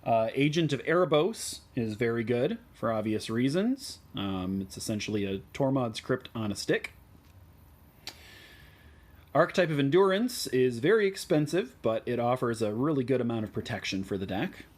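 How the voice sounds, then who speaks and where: A man with a Midwestern American accent explains card choices for a deck in a relaxed way, with many ums and uhs. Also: medium pitch, moderate pace. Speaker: deck tech host.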